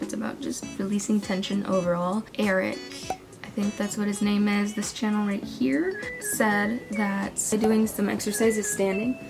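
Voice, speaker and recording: A young woman talking casually in a vlog, giving singing advice with a chatty, self-deprecating manner and frequent laughs. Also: mid-range voice. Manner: chatty, self-deprecating, laughs often, breaks into sung demos. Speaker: singing vlogger.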